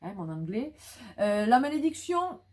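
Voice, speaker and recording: A woman's voice: fairly high pitch, sing-song, a little slow, a little mellow. Chatty woman showing flea market finds. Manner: chatty, many fillers and restarts. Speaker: vlogger. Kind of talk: casual show-and-tell of flea market finds.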